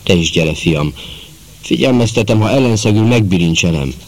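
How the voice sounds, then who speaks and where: Guy reading a gruff commanding cop, deep and curt. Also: lively intonation, darkish tone, no room sound. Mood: stern. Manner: brusque, commanding. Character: stern male police detective, commanding.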